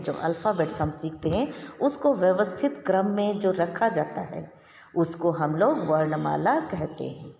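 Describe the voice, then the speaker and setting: A woman teacher talks children through a grammar lesson at an unhurried pace, repeating every definition twice. Her voice is gravelly and sits a little low. It rings with a long reverb, and a faint noise runs behind it. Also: a little mellow. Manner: slow, patient, repeats each definition twice. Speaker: primary school Hindi teacher. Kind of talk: recorded classroom lesson for children.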